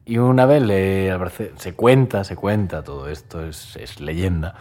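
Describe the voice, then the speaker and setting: A man co-hosting a podcast, chatting casually and telling stories with animated delivery. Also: moderate pace. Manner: animated storytelling, bursts into high shouted impressions. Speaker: podcast co-host. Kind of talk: casual chat.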